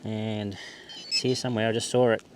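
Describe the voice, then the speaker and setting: A metal detecting vlogger talks a little fast in a fairly low, flat voice while searching a beach. His commentary is laid-back and understated, half directed at himself, in casual hobbyist fashion, and clear outdoor background noise is present.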